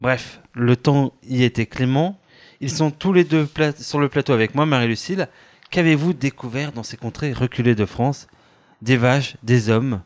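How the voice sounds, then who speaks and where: A man's voice: mid-range voice, normal speed, no room sound. A man hosting a comedy podcast, reading mock news in a mock-formal tone with hesitations, recorded close and dry. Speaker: podcast host.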